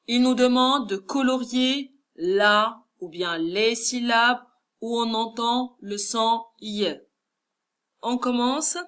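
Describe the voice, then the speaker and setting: Slow patient teacher, Moroccan French accent. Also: female voice, on the high side, fairly bright tone. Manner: slow, patient, spells out words syllable by syllable. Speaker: primary school teacher. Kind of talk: classroom lesson correction.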